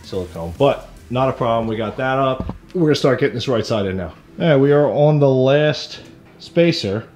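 This host, a DIY renovator in his thirties, chats casually to a handheld camera at arm's length as he works in a kitchen under renovation, explaining each step. His medium-pitched, darkish voice is expressive and moderately paced, over soft background music.

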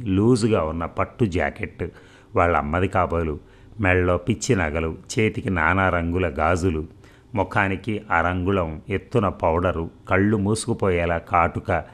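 Male narrator, deep and low, for a steady audiobook novel reading.

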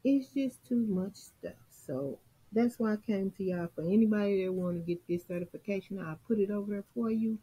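Woman, casual screen-share commentary, husky voice, warm and mellow tone. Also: mid-range voice, normal speed, poor audio. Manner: exasperated, talks straight to viewers. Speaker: vlogger and salon coach.

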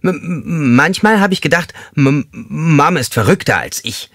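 A man's voice: medium pitch, big pitch swings, a little fast, no room sound, studio quality, pitched above the performer's own voice, close to an everyday voice. A man voicing a nervous male prison inmate who stutters, in an audiobook. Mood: wry, nervous. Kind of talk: audiobook character voice.

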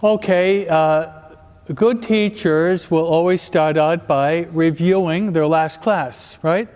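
A priest delivers a parish talk in a large church, where the recording rings with long reverb. He speaks slowly in a slightly high, somewhat mellow voice, joking as he teaches and repeatedly asking his audience questions to check in.

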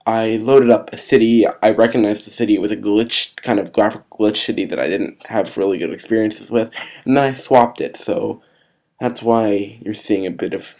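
A man with a low, gravelly voice talks through a video game in a loose, unscripted way. He rambles and hesitates often, filling the gaps with ums and uhs. It sounds like a casual gameplay commentary. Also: fairly even intonation, normal speed, mellow. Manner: rambling and hesitant, many fillers. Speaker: let's play gamer.

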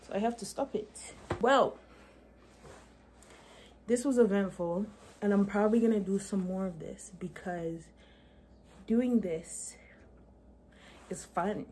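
A woman's voice: mid-range voice, slow, long pauses, darkish tone, a little hiss or hum. Chatty young woman vlogging, slangy. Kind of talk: casual vlog chat. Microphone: phone. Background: music playing.

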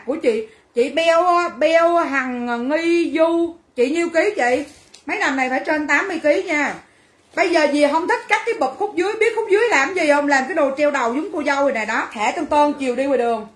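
Selling clothes over a livestream, a woman talks a little fast in a high voice with reverberant audio. She's brash and teasing, bantering with her viewers as she chats them up.

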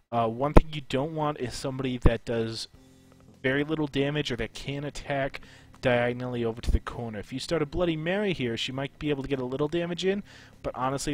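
A man talking through game tactics in a home voice-over, his voice a little off while he gets over being sick. He explains things in a relaxed, loose way, with plenty of "uh"s and restarts, at an ordinary pitch for a man. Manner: relaxed, explanatory, with frequent fillers. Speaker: gaming channel host. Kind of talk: casual game strategy tutorial.

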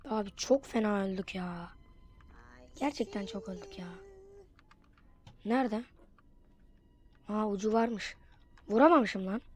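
A woman giving casual commentary while playing a horror game, excitable and quick to get frustrated. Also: medium pitch. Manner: excitable, bursts into frustrated yelps. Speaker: gamer.

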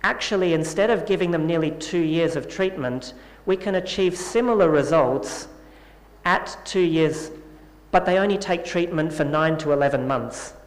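A man presents research findings in a measured, explanatory manner, his voice sitting a little high. The sound is roomy, with a long reverb from a large conference hall. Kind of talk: scientific conference talk and Q&A.

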